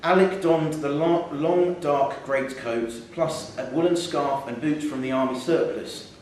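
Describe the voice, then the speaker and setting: In a measured pace, a man with a slightly high, slightly mellow voice reads a literary short story to a live audience in an indoor theatre. A distant microphone makes the recording very echoey, with faint noise underneath.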